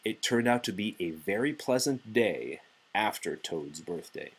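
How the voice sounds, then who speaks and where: Reading a children's storybook aloud the way a father would, a man delivers it in an animated, playful and deliberate manner. His voice is husky and fairly low in pitch.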